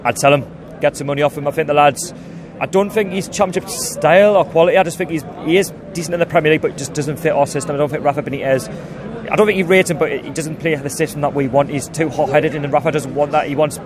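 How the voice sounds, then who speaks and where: A man's voice: a little high, fairly even intonation. A man giving a decisive football opinion on the street. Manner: rapid, decisive. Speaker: football fan interviewee. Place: outdoors on a busy street. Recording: crowd chatter behind.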